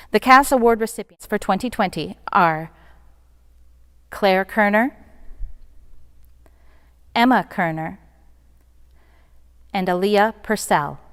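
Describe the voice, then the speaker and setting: A woman reading out award citations and recipients at a school ceremony in a measured, formal way. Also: medium pitch, smooth, long reverb tail. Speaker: awards presenter. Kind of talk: formal scripted announcement.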